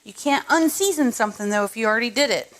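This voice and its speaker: A fairly high-voiced woman talks viewers through a recipe in her home kitchen. Her tone is chatty and casual, with asides and small jokes as she cooks. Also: lively intonation, fast talker, a bit bright. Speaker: cooking show host. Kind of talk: casual cooking tutorial.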